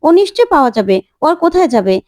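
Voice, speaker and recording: A worried mother searching for her daughter, put on by a woman storyteller. Her pleading is high and mellow. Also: sing-song, racing, no echo, studio quality. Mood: frantic. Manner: frantic, pleading. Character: frantic worried middle-aged mother.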